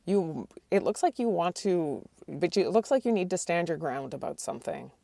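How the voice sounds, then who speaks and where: With lively intonation and a moderate pace, a tarot reader speaks in a lowish, gravelly, mellow voice that she is losing. She hesitates, restarts often and addresses questions to the cards aloud, and there is no room sound.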